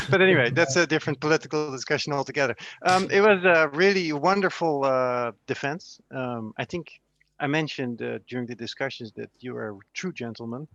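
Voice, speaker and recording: Committee man on a dull video call line, halting, lots of ums. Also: mid-range voice, dry recording. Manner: warm praise with frequent ums and restarts. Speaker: committee member. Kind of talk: congratulatory speech on a video call. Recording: muffled video call audio.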